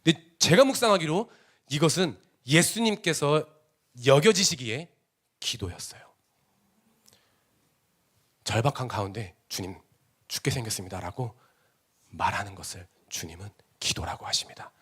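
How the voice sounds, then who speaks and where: A man preaching an emotional Sunday sermon in a church, swinging between loud exclamations and hushed whispers. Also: medium pitch, expressive, moderate pace, long pauses, breathy edge. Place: church sanctuary.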